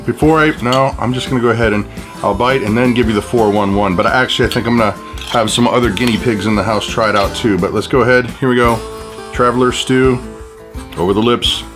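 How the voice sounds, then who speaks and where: A man's voice: medium pitch, fairly even intonation, fast, over music. A man giving a casual food review, talking in a folksy, jokey way with playful asides. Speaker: product reviewer.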